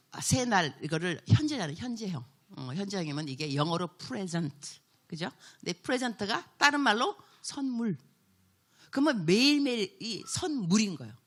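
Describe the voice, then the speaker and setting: A middle-aged woman missionary preaches a revival sermon in a church. Her pitch swings widely and her tone is bright and forward. She acts out the characters in her stories with animated, storytelling energy. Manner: animated storytelling, acting out quoted voices. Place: church sanctuary.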